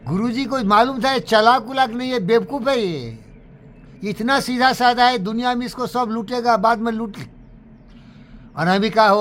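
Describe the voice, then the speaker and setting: A man's voice: high voice, a bit bright, slight background noise. A man telling stories from his life in a rambling, emotional monologue, sprinkled with curses. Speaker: speaker recounting his life. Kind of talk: animated storytelling monologue.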